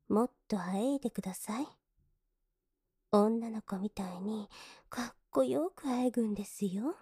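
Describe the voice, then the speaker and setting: A young woman playing a cold, scornful maid in an adult audio drama, politely contemptuous and mocking, sometimes dropping into soft whispers to sneer. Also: a little high, husky, no echo, clean studio sound, full character voice.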